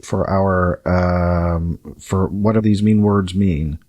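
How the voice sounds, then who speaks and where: A man's voice: low-pitched, steady tone, slow pace, a little mellow, no room sound. A man co-hosting a podcast in casual chat, thinking aloud and asking questions.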